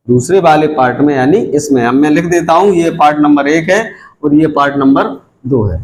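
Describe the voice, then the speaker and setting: A man teaches an English grammar lesson in a fairly high voice. He works through the rules step by step, repeating key words as he points to the board. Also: rough recording. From India.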